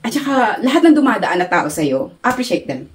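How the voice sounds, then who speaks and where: A Filipino woman giving a casual interview, animated and laughing often as she talks. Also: fairly high pitch, fairly quick. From Philippines. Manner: animated, laughs often, mixes Tagalog and English. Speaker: interview guest.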